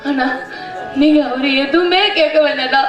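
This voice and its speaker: A woman's voice: sits high, normal speed, muffled recording, close to an everyday voice. A woman acting a devoted young wife in a stage drama, pleading and tearful, turning fiery when threatened, recorded on an echoey stage with music and crowd.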